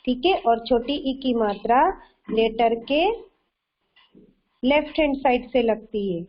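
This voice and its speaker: A woman teaching a kindergarten class online, slow and patient, often repeating herself and quizzing the children. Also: a little high, highs cut off. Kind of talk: online kindergarten Hindi lesson.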